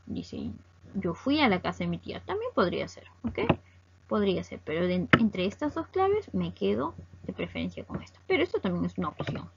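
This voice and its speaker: A woman teaching English grammar step by step. She reads example sentences slowly and keeps checking in with her students. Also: medium pitch, vocal fry, dull audio, very noisy. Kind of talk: recorded classroom lesson explaining grammar.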